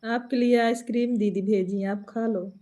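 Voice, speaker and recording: Awadhi-accented woman, folk singer, live-stream host; higher voice, mellow tone, chatty, laughs a lot, at home. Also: steady tone, normal speed. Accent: Awadhi Hindi. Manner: chatty, laughs often, answers viewer comments. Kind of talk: casual live-stream chat with viewers.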